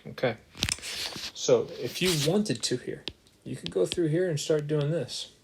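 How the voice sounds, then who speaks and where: A math teacher with a slightly high, creaky voice talks a little slowly through examples he writes on screen. His screen-capture lesson is upbeat, and he laughs off his own errors. A desktop mic picks up noise and ticking.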